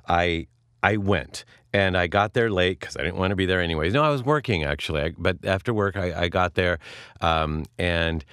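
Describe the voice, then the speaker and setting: A low-voiced male talk show host tells a story in a loose, rambling way, tripping over his words and poking fun at himself. The studio sound is dry and close, with no room echo. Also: a bit bright, smooth. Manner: rambling, self-deprecating, stumbles over words. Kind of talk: casual storytelling monologue.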